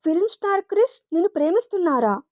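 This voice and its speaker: A caring middle-aged father who gently questions his daughter, as the woman narrator puts him on. He sounds patient and protective. The high voice is close and dry. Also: animated, normal speed, no echo.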